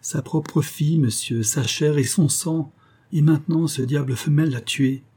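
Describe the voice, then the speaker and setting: A man's voice: fairly high pitch, normal speed, dark tone, husky, voice pushed up. A man reading an audiobook, voicing a stern village blacksmith who speaks with indignation and threat. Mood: indignant.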